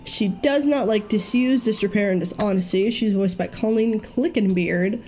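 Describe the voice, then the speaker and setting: A woman's voice: mid-range voice, normal speed, a little mellow, slight background noise. A young woman giving casual let's-play commentary, chatty and thinking aloud with frequent ums. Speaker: gaming YouTuber.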